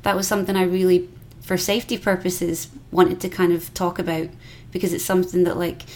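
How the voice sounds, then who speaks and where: A woman's voice: lowish voice, level tone, brisk, darkish tone. A woman from Scotland with a Scottish accent, a piercer chatting casually as a guest and using many fillers and restarts. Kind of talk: casual podcast conversation.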